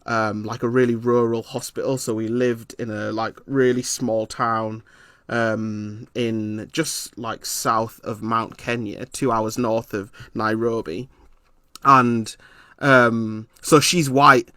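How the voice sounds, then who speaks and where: A man's voice: medium pitch, flat delivery, slow pace, bright, forceful tone, clean tone, no room sound, studio quality. A man from Leeds, England, talking reflectively in an interview, with frequent ums and some laughter. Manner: thoughtful, hesitant with frequent ums; laughs often while telling stories. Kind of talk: reflective conversation.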